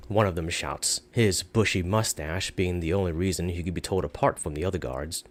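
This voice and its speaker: A man with a low voice reads a story aloud, delivering it expressively as his pitch swings widely from phrase to phrase.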